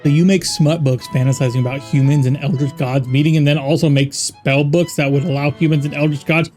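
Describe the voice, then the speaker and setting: A man's voice: on the high side, a little fast, faint music behind. Wry male gamer reading dialogue aloud. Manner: wry, exasperated, deadpan quips. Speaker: gaming YouTuber. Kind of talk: reading game dialogue aloud while playing.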